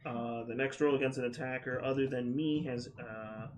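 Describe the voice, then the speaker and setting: A man's voice: medium pitch, steady tone, moderate pace. A man playing a tabletop game, chatting casually in a boisterous, jokey way. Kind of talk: casual joking game chat. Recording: busy group chatter around the voice. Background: players chattering and laughing.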